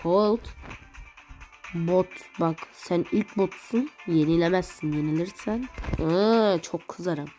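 A woman giving casual, excitable commentary while playing a mobile game for her channel, chatting to viewers and reacting loudly to the match. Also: fairly low pitch, slow pace. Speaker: gaming channel host. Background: game music.

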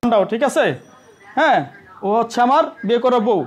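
A woman's voice: on the high side, lively intonation, fast talker, close to an everyday voice. A woman playing a two-timing husband who hurriedly pleads and placates, repeating himself. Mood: pleading. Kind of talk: amateur skit acting.

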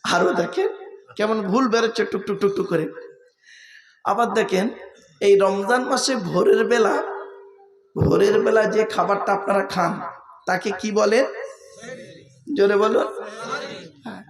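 A man's voice: high-pitched, normal speed, creaky, pauses often, crowd noise. A male Islamic preacher from West Bengal giving a waz sermon, who keeps asking the gathering questions and drilling their answers. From West Bengal, India. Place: large religious gathering. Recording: echoey public-address sound at a gathering.

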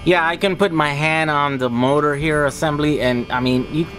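A man's voice: fairly high pitch, normal speed, heavy background noise. Man explaining car work in his garage. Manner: explains hands-on, thinking aloud. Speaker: vlogger. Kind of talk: casual DIY vlog. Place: home garage.

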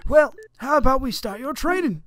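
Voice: high voice, animated, moderate pace, fairly bright tone, voice pushed up. A gamer voicing an eccentric old male ghost-hunting professor with theatrical old-timer phrasing while reading game dialogue. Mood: fussy. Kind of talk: let's-play voice acting.

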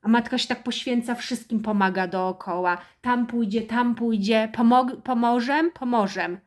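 A woman's voice: normal speed, lightly acted. A woman playing a self-pitying house-proud mother. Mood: moaning. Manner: nagging and self-pitying, turns to shrill scolding. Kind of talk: satirical character monologue.

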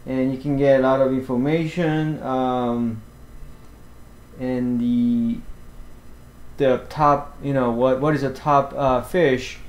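Slow, halting man giving an app walkthrough. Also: mid-range voice, darkish tone. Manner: halting, many fillers and restarts. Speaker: fishing vlogger. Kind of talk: screen-share app walkthrough. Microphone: voice-over to screen recording.

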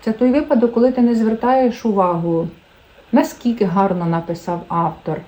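Casting note: woman book blogger, casual vlog, mellow and unhurried, chatty with fillers. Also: a little high, low-quality recording. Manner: chatty, thinking aloud with fillers.

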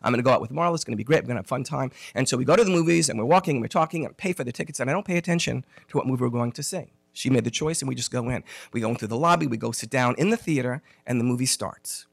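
A man lecturing at a conference, spinning an animated story and playing out both sides of the conversation. His medium-pitched voice has a gravelly edge. The sound is dry and close, with almost no room echo. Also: racing, hardly any pauses. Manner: animated storyteller, acts out dialogue, self-deprecating humor. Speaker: conference speaker on OCD therapy.

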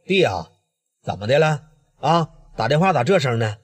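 A man voices a Northeastern "big brother," a respected, protective, hot-tempered gang leader, in a husky, stern tone with a Northeastern Mandarin accent. He starts low and steady at a moderate pace, then turns fierce, in a big-room sound.

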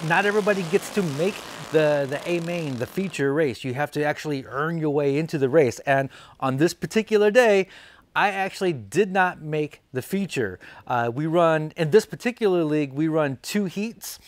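A man chats casually to camera as a maker-channel host. He fills his sentences with ums and uhs, and his voice sits a little high. The recording is close and dry in an indoor studio. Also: normal speed, no echo. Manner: chatty, many fillers, standing and gesturing. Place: indoor studio with colored backdrop.

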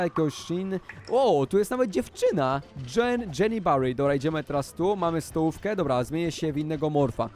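A young man giving energetic, excited gameplay commentary as a video creator, often squealing with excitement. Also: a little high.

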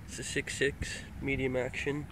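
A young Florida man rambles through a casual show-and-tell of his fishing gear, filling it with hesitant fillers. His mid-range voice is monotone at a normal speed, captured on a handheld phone aimed down at the gear inside a noisy car.

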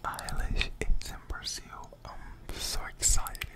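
A young man doing ASMR in a breathy whisper, slow and drowsy, with wet mouth clicks, very close to the microphone. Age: young adult. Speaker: ASMR creator. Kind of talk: ASMR whispering with personal attention. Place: small indoor room. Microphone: large desktop condenser microphone, mouth very close.

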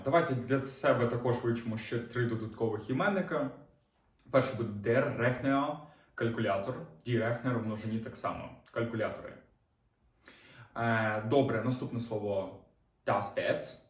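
A man's voice: mid-range voice, reverberant, distant mic. Man teaching a patient language lesson. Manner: patient step-by-step explaining, with fillers. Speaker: German teacher.

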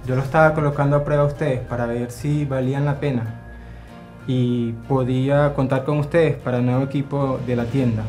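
A man playing a measured young businessman. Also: mid-range voice, fairly even intonation, a little mellow, soft background music, close to an everyday voice. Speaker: customer Carlos. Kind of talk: scripted web drama acting.

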